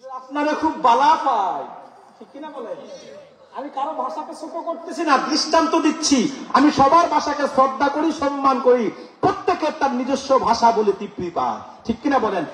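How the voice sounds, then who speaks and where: High-voiced preacher echoing through a hall. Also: male voice, normal speed, fairly bright tone. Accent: Cumilla Bengali. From Cumilla, Bangladesh. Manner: playful, keeps quizzing the crowd for replies. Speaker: Islamic preacher. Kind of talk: humorous sermon at a religious gathering. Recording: echoey hall, preacher far from the mic.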